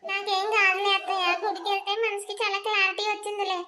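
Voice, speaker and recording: A woman's voice: extremely high pitch, completely flat delivery, fast, sharp tone. A woman voicing a young wife in a cartoon who asks probing, pointed questions. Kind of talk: cartoon voice acting.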